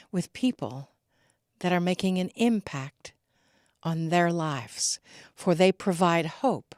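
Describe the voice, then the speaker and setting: A middle-aged woman giving an inspirational spiritual talk, slow and reflective, with laughs between her stories. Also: fairly low pitch, darkish tone, dry recording, clean studio sound.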